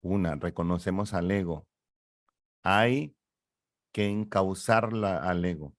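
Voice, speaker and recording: A middle-aged man speaks in a lowish voice, lecturing with lively rhetorical questions. The sound is close and dry, with no room echo. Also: slow. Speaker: psychologist guest. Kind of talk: explanatory interview talk.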